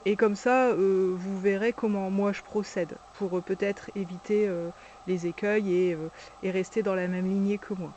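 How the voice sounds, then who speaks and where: A preschool teacher slowly demonstrating cursive letter by letter, patiently naming each stroke aloud. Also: mid-range voice, steady tone, a little mellow, dull audio, a little hiss or hum. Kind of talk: step-by-step handwriting demonstration.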